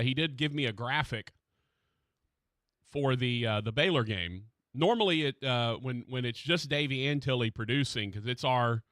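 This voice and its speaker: Bright-voiced male radio host, rambling chat. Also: medium pitch, no echo, studio quality. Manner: rambling, many fillers and restarts. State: recovering voice after a cold. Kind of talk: casual radio talk. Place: radio studio.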